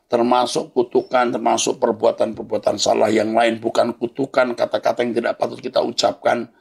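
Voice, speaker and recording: A man's voice: fairly low pitch, gravelly, breathy edge. A man, a pastor, answering listeners' letters in a blunt, scolding yet fatherly way.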